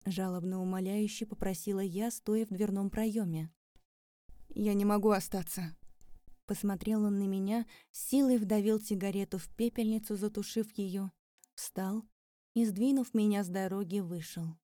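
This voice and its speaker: A woman reading a first-person audiobook in an emotional, expressive way. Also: mid-range voice, moderate pace, dry recording. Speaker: audiobook narrator.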